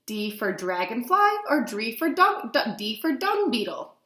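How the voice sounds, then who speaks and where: Her voice is a little high, sing-song, unhurried and a bit bright: a woman in her thirties teaching young children by reading aloud. In this read-along lesson she gives simple explanations, keeps asking the children questions, and emphasizes letter names and key words. It's recorded indoors in a small plain-walled room, with echoey, roomy webcam audio.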